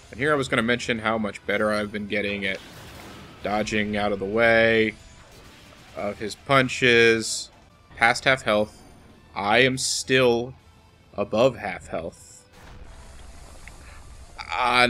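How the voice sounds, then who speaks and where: With game music playing behind him, a let's play host offers casual commentary full of dry, self-deprecating humor, talking directly to the boss. His voice sits on the low side and has a sharp tone.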